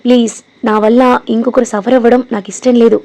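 Give me an earnest young man, read by a woman in a spoken story, with a mellow tone. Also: on the high side, little pitch movement, fairly quick, natural voice.

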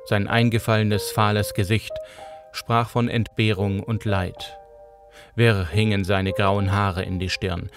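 A man narrating an audiobook in a steady, even storytelling manner, close to the microphone. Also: lowish voice, slow, over music.

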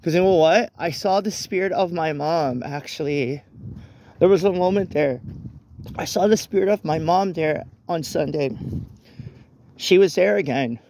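A man's voice: fairly high pitch, measured pace, a little mellow, slight background noise. A young man talking into his phone while walking outdoors on a rainy night, rambling with many restarts and self-corrections. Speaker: vlogger. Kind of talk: casual walk-and-talk vlog. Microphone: phone camera held while walking.

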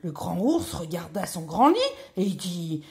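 A woman teacher reading a children's tale aloud, expressive, dropping to whispers at times. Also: lowish voice, measured pace.

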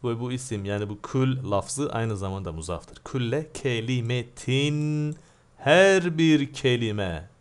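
A man's voice: medium pitch, measured pace, few pauses, a little mellow, clear, resonant tone. A man teaching Arabic grammar in a lesson, asking questions aloud and answering them himself. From Turkey.

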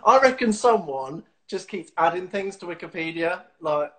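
Over a webcam video call from a small room at home, a thirtysomething male host conducts a casual interview, chatty and giggly, full of fillers and restarts. He has a high, expressive voice and talks at normal speed.

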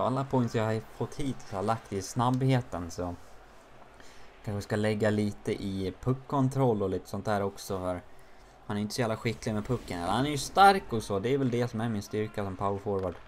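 A man giving casual commentary on his own hockey game, jumping high and loud during the plays. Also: slight background noise. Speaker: gaming YouTuber.

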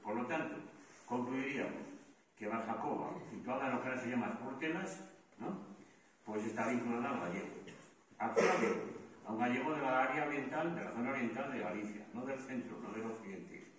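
A man's voice: mid-range voice, brisk, a bit bright, far from the mic, a little hiss or hum. Spanish man lecturing in an echoey hall. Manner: explanatory, poses rhetorical questions and answers them. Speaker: philologist giving a talk at a book presentation. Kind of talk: lecture-style public talk. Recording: very echoey hall recorded from afar.

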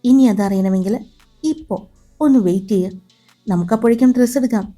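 A woman's voice: mid-range voice, a little fast, warm tone, soft background music, close to an everyday voice. A woman reading a clever, reassuring young sister-in-law in a storybook, explaining things confidently.

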